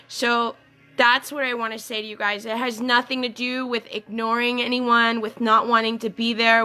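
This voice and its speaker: Through a phone or webcam, a life coach speaks casually to her followers on a livestream, her voice a little high with a sharp tone. She's earnest and repeats herself, with many fillers and frequent "okay?" check-ins.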